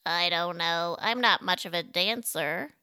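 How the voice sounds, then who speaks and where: A woman voicing a shy, slow male mummy who speaks hesitantly with a moan. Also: lowish voice, bright, forceful tone, clean tone, dry recording. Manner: hesitant, moaning.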